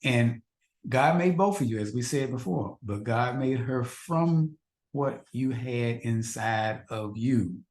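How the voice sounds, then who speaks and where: A man's voice: medium pitch, lively intonation, slow pace, a little mellow. Earnest man teaching a marriage class. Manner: earnest, repetitive, rhetorical questions. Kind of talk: faith-based marriage teaching. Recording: echoey room.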